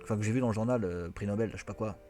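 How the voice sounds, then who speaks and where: A man's voice: fairly low pitch, rapid-fire, warm tone. A man casually commentating on an adventure game he is playing, rambling and jokey with many fillers. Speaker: let's play host. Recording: voice over faint game music.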